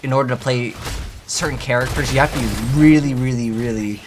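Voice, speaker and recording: A man's voice: mid-range voice, fairly quick, noisy background. A man giving casual, rambling, conversational gameplay commentary as the host of a gaming video. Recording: game music behind the voice. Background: video game music.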